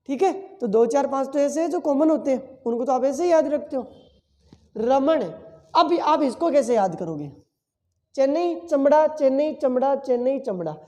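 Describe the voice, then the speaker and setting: High-voiced man teaching, echoing room. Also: dark tone. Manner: asks questions and answers them himself; repeats key words several times. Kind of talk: exam-prep lesson with memory tricks.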